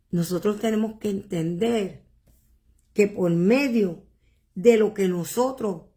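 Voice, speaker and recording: A woman pastor preaching a sermon, earnest and emotional, asking rhetorical questions and repeating words with pauses. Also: medium pitch, a little mellow. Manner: halting repetitions and pauses.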